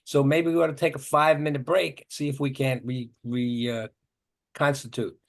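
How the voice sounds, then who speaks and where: A man's voice: medium pitch, level tone, moderate pace, vocal fry. A man running a workshop on workplace communication, coaching participants in a conversational way and acting out short example exchanges. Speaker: workshop trainer. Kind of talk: leading a communication training session.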